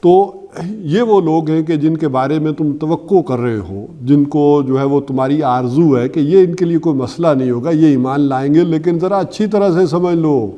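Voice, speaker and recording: A man giving a religious lecture, explaining scripture step by step, slowing down to recite verses and asking rhetorical questions. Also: fairly high pitch, mellow, dull audio. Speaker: Quran teacher.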